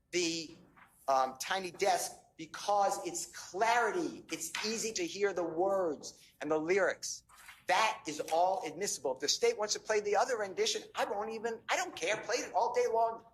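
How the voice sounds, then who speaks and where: A man's voice: sits high, fairly bright tone. Insistent lawyer guy pleading with the judge, echoey room with faint hum behind. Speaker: defense attorney. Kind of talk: courtroom argument to a judge. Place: courtroom.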